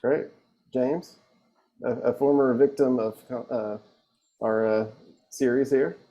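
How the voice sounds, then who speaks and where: A man's voice: medium pitch, steady tone, slow, lo-fi sound. A man moderating a webinar over a video call, loose and conversational with light chuckles. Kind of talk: casual chat moderating a webinar.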